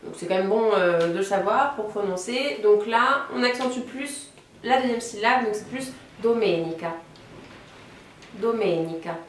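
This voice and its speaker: A woman teaching a beginner Italian lesson, patiently repeating each word slowly. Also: a little high, a little hiss or hum. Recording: roomy echo, voice a bit off-mic, faint ambience.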